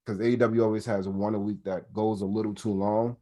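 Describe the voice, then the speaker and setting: A young man co-hosting a casual wrestling review podcast, talking in an animated way. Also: brisk. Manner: animated, mocking asides in a high put-on voice. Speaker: podcast co-host.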